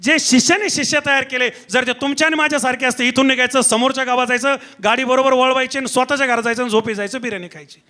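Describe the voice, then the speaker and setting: A man's voice: very high-pitched, steady tone, quick pace, hardly any pauses, pushed and bright. A male pastor delivering an impassioned Marathi sermon in a church, calling out to his congregation for responses.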